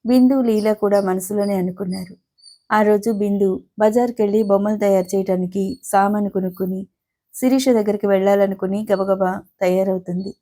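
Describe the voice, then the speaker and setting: A woman narrating an audio novel in a steady, unhurried storytelling manner. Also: mid-range voice.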